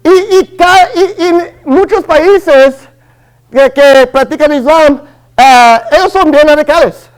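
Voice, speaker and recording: Preaching a sermon in Spanish, a man in his early thirties speaks with a Chicano Spanish accent, his voice sitting very high for a man. Born in Los Angeles to a Guatemalan family, he talks hesitantly, filling pauses and restarting sentences as he goes.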